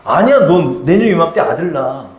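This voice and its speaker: A pastor voicing a blunt, insistent God. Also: male voice, on the high side, animated, brisk, muffled recording, natural voice. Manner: casual blunt speech. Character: insistent almighty male God, blunt and teasing. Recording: echoey church sanctuary.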